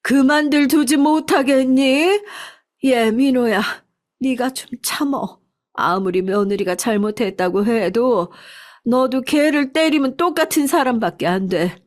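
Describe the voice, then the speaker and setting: A woman voicing a frail elderly mother who talks slowly and pleads weakly. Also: medium pitch, a little mellow, lightly acted. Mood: tearful scolding. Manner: slow, feeble pleading.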